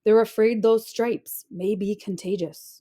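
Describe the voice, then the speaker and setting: A woman voicing an apologetic but firm male school principal in a children's storybook, measured and formal. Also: medium pitch, fairly even intonation, dark tone, natural voice. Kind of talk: children's storybook read-aloud.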